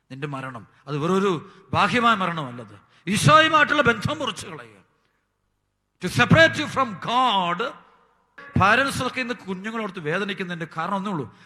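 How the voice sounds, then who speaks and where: Impassioned high-voiced preaching priest. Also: male voice, in a large hall. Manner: impassioned preaching, swinging from loud high bursts to hushed low lines; addresses listeners fondly as children. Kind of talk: sermon.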